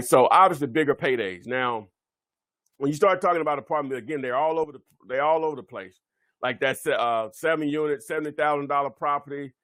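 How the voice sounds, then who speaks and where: A man's voice: medium pitch, a bit bright, no echo. A man presenting a real estate webinar, talking off the cuff with many fillers and self-corrections. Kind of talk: unscripted instructional webinar talk.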